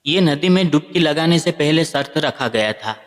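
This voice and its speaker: A man's voice: fairly high pitch, expressive, normal speed. A man narrating a moral story in an earnest way, addressing listeners as friends, with a long hall reverb on the recording.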